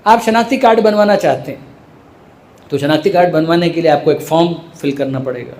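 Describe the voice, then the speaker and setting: Pakistani urdu guy preaching, slightly high voice, lots of rhetorical questions. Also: a little mellow, a little hiss or hum. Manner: rhetorical questions and everyday examples, rising emphatic lines. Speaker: Shia cleric giving a majlis sermon. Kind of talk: sermon. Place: mosque hall.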